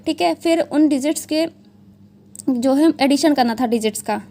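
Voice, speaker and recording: Chatty young woman, higher voice. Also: moderate pace, mellow. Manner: chatty, repeats "theek hai" often, mixes English into Hindi. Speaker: exam prep educator. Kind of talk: casual exam analysis talk.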